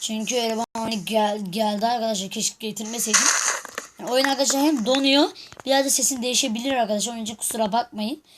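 A woman with a fairly high, somewhat muffled voice chats through a game, addressing her viewers in halting, restarting sentences. The recording comes from a phone and carries a clear bed of background noise. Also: fairly even intonation. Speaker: gaming video creator. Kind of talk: casual game commentary.

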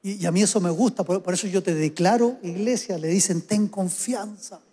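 A man preaching a sermon as pastor to his congregation, often building to fervent, drawn-out calls. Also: high voice, dark tone, breathy edge. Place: church sanctuary. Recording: hall reverb.

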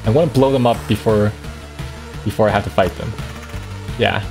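A man streaming a game, chatting casually and thinking aloud with quick reactions. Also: fairly low pitch, over music. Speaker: gaming streamer.

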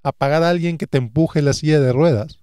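Earnest guy in his 30s doing a solo podcast, mellow smooth voice, dry close mic. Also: fairly high pitch, fairly quick, no echo. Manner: earnest, repeats phrases in lists. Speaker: podcast host and financial advisor.

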